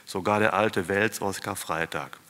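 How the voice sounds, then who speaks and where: Deadpan male story reader, low, reverberant hall. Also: unhurried. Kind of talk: storybook reading.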